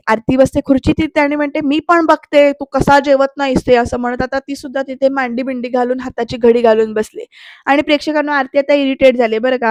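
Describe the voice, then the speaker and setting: A woman narrating a voice-over recap of a TV serial, telling the story in a lively way and talking straight to her viewers. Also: high-pitched, dry recording, studio quality.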